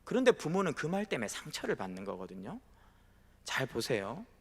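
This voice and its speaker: A male pastor preaches a sermon in a church sanctuary, his mid-range, slightly rough voice moving fairly quickly and swooping wildly in pitch. He tells stories and acts out the voices of the people in them, with a long hall reverb on the recording.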